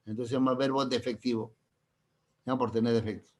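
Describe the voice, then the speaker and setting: There is little pitch movement in the easy, mid-pitched voice of this middle-aged language teacher as he explains grammar to a class. Quick questions to the room constantly check understanding, and a teasing example now and then keeps the mood light.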